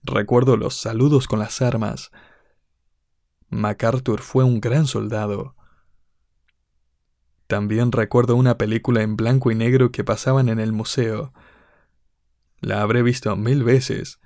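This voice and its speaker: A man delivering a sermon in a warm, mellow voice. He speaks in a measured, deliberate way and leans on rhetorical questions for emphasis. The recording is dry and close, with no room sound. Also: mid-range voice, steady tone, no echo. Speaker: preacher.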